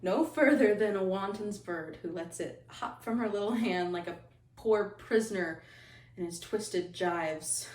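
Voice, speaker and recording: A woman's voice: medium pitch, a little slow, a little mellow, lightly acted. A woman performing a classical monologue as a lovestruck young girl calling after her lover, breathless and giggly, stretching the verse. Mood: longing, playful. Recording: echoey room from far off.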